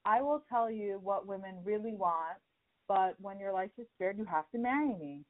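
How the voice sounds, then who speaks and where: A woman's voice: mid-range voice, moderate pace, lightly acted. A woman voicing an old hag from a tale while casually retelling it, in her own voice over a tinny phone-like line. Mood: bargaining. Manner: casual retelling, barely changed voice.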